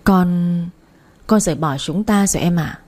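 A woman's voice: lowish voice, a little slow, a little mellow, natural voice. A woman reading the lines of a young husband who apologizes with his head bowed, in a hesitant, subdued way for an audio story.

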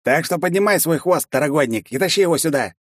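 A man's voice: on the high side, expressive, quick pace, no room sound, studio quality, pitched above the performer's own voice. A man voicing a rude, bullying male lizard guard in an audiobook, with a snarling, mocking manner. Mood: scornful.

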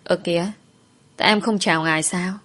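A woman voicing a loyal, timid young palace maid who speaks gently and deferentially. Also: lowish voice, steady tone, fairly quick. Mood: gentle.

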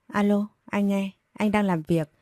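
A woman reading the lines of a polite young man in a storybook narration, brisk and courteous. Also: mid-range voice, fairly even intonation, a little mellow, no room sound, studio quality, lightly acted.

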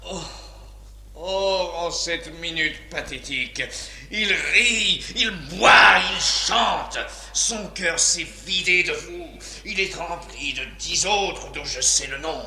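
An actor playing a lustful, cruel, jealous court jester in a declamatory, gloating 1950s French radio theatre style. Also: male voice, a little high, slow, pushed and bright, full character voice. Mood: mocking. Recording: roomy, echoing 1950s radio recording.

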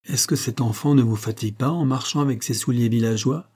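A man's voice: mid-range voice, brisk, darkish tone, breathy edge, close to an everyday voice. A man reading the part of a teasing, sly middle-aged master of the house, in a jovial mocking tone.

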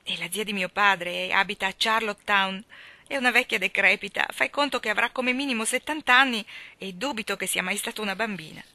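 A woman voicing an excited, chatty young girl in an audiobook reading, talking in a breathless, gossiping way. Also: medium pitch, a little fast, no room sound.

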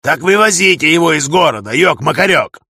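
A man voicing a loud, gruff older male partisan veteran who barks his words and keeps using a folksy catchphrase. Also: mid-range voice, moderate pace, no room sound, clean studio sound, voice pushed up. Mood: barking orders.

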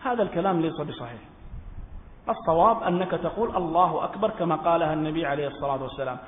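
A man's voice: a little high, very fast. A man from Yemen giving a religious law lesson. He asks questions and answers them himself, and repeats his key points. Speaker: religious teacher. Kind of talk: Islamic jurisprudence lesson. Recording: echoey hall over a phone-like line.

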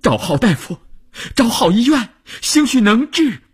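A man voicing a shrill, sobbing mother. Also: big pitch swings, unhurried, slightly rough, exaggerated voice. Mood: pleading. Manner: choked, pleading, rising to shrill outcries. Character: distraught middle-aged mother, pleading and shrill.

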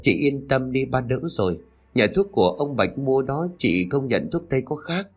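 A man's voice: mid-range voice, animated, moderate pace, slightly rough. A man voicing a caring younger sister in a spoken story, eager and comforting.

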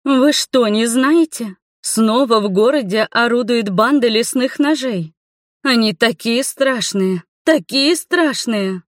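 A woman's voice: a little high, measured pace, no echo, studio quality, lightly acted. A woman voicing a chatty, kindly older townswoman who exclaims dramatically, in an audiobook reading. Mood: gossipy.

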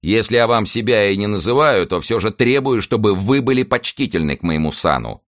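A man's voice: fairly low pitch, expressive, fairly quick, no room sound, clean studio sound, pitched above the performer's own voice, natural voice. A man reading aloud and voicing a haughty nobleman who talks in a proud, commanding tone.

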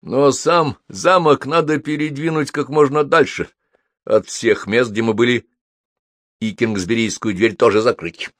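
A man voicing a vain, dramatic young male wizard who whines in a hoarse, cold-stricken voice while reading a storybook aloud. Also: medium pitch, steady tone, unhurried, no room sound, pitched above the performer's own voice, natural voice. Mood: businesslike. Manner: whining, indignant.

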